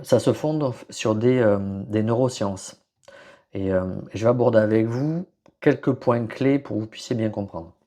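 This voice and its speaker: A man explaining leadership ideas in a hesitant solo talk, often pausing and searching for words. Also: fairly low pitch, warm tone. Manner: many fillers and restarts, searching for words. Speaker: podcast host presenting on leadership.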